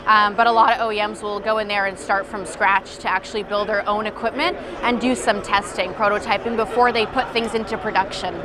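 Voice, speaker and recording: A woman's voice: mid-range voice, steady tone, fairly quick, hardly any pauses. A woman company representative explaining a product conversationally in a demo at a trade show. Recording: busy outdoor trade-show crowd noise.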